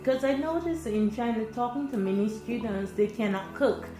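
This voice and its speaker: A woman's voice: a little high, animated, moderate pace. Barbados woman teacher chatting with students, friendly, echoey classroom, music behind. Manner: chatty, encouraging, laughs often. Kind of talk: classroom discussion.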